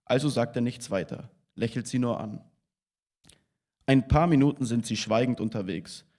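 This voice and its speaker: A man giving a calm, measured reading of a novel at a book premiere. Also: medium pitch. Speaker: reader of a novel's translation.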